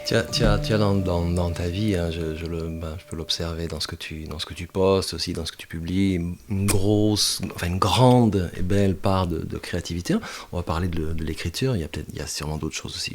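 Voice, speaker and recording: Low-voiced man asking halting questions. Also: a little hiss or hum. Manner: gentle, halting questions with many restarts. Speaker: podcast host. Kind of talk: interview conversation.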